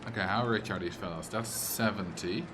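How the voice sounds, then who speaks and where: Streaming a game with background noise around him, this young man from the Netherlands speaks briskly in a lowish voice and a Dutch accent. He reads chat out loud, jokes with viewers and now and then bursts into loud, frustrated rants, all in casual commentary from a native Dutch speaker.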